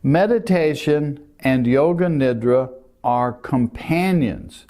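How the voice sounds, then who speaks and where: An older man teaching meditation, explaining calmly and gently while pointing to a diagram. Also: mid-range voice, slow. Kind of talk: calm spoken lesson.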